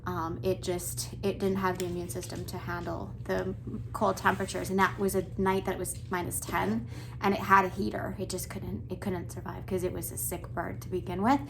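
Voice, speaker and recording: A lowish, creaky female voice with flat delivery comes through at normal speed over background noise. She is a homesteader vlogger chatting casually to her camera as she does chores outdoors and in a chicken coop on a farm in extreme cold, laughing and sighing at times.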